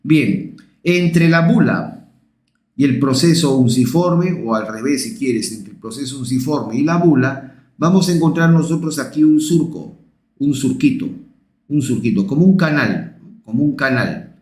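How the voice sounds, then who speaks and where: A man's voice: medium pitch, animated, measured pace, a little mellow, reverberant. A man giving a recorded anatomy lecture, repeating each term and checking in with his students. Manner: repetitive, checks in with listeners.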